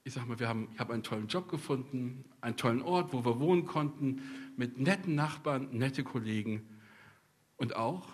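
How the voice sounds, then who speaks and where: A middle-aged pastor from East Westphalia, Germany, preaches a sermon in an animated, medium-pitched, slightly mellow voice at a moderate pace, with slight background noise. He's conversational, telling personal stories with humorous asides and speaking directly to the congregation.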